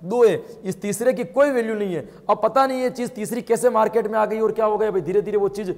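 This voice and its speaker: A man teaching an exam coaching lesson, talking rapidly and emphatically, firing rhetorical questions and calling his students friends and brother. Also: high-pitched, darkish tone, long reverb tail. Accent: Rajasthani Hindi. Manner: addresses viewers as friends and brother.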